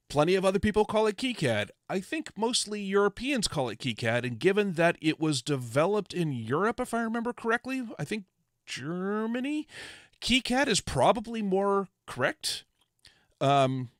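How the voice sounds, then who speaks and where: A man hosting a casual livestream, teaching software in a rambling, chatty way with lots of fillers. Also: fairly high pitch, no echo, clean studio sound. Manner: rambling, self-correcting, chatty with frequent fillers. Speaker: livestream host teaching electronics design software.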